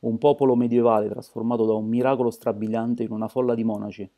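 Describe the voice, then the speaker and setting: Male narrator for an amateur audiobook, measured reading, dark gravelly tone. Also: mid-range voice, level tone.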